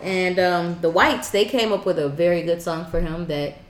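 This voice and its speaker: A woman co-hosting a podcast, telling stories in an animated, joking casual chat. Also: on the low side, normal speed, echoey room. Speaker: podcast co-host.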